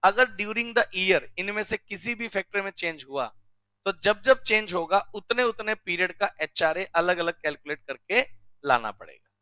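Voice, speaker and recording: A male teacher from India giving a classroom lecture, drilling rules slowly and often checking with questions. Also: high voice, expressive, pushed and bright, clear, resonant tone, dry recording. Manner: recites rules slowly word by word. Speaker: commerce teacher.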